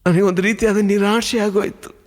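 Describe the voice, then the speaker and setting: A man's voice: sits high, flat delivery, normal speed. A man preaching, telling his personal testimony in an earnest, emotionally building storytelling manner. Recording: long hall reverb.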